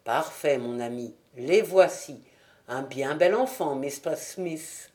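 Brief: woman playing a grave, quiet male detective, pitched down, unhurried. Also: expressive. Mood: diplomatic. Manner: measured and low. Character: calm, shrewd male detective.

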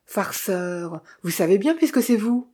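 A woman's voice: mid-range voice, lively intonation, measured pace, dark tone, husky. A woman reading an audiobook and voicing a chatty, knowing male village innkeeper who gossips and teases. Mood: gossipy. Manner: gossipy, teasing, confiding. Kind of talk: audiobook character voice.

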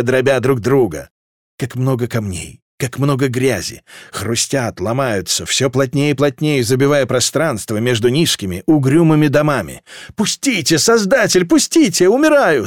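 A man narrating a fantasy novel as an audiobook, in an expressive, dramatic reading. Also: mid-range voice, no echo, clean studio sound.

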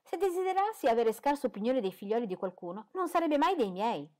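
A woman voicing an excitable, fussy middle-aged mother who talks high, loud and eager in a storybook reading. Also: brisk. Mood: indignant.

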